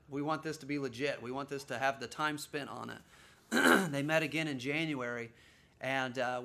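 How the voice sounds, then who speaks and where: A man telling, in a casual conversational way, how his family chose to follow a calling, speaking earnestly with halting restarts. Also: fairly high pitch, sharp tone. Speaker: father sharing a family's mission call.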